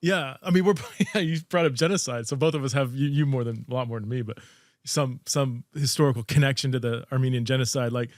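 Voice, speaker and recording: A man's voice: mid-range voice, fast, no echo, clean studio sound. A man appearing as a guest on a podcast, talking in an engaged way and often affirming the host. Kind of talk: conversational podcast interview.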